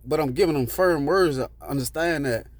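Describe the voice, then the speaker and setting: A man's voice: on the high side, normal speed, dry recording. A man telling a rambling personal story in casual street slang with plenty of swearing, sitting in a parked car.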